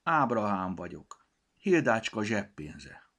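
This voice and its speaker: A man's voice: lowish voice, very animated, fairly bright tone, pitched above the performer's own voice. A man voicing a proud male talking silver coin in a children's storybook, haughty and a bit of a know-it-all. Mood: timid.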